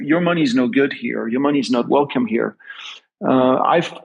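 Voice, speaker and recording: Gravelly and a bit breathy in a mid-range register, this male guest investment strategist from France has a slight French accent. Over poor audio, he answers the interviewer thoughtfully, repeating words as he works through his thoughts.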